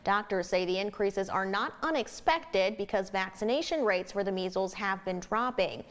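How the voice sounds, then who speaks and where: A woman's voice: medium pitch, moderate pace. Female American news anchor, medium register, scripted bulletin delivery.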